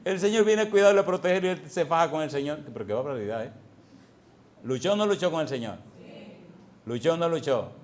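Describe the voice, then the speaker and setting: A male pastor preaching a sermon, swinging from hushed tones to loud bursts and firing rhetorical questions at the congregation. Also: fairly high pitch, expressive, fast, pauses often.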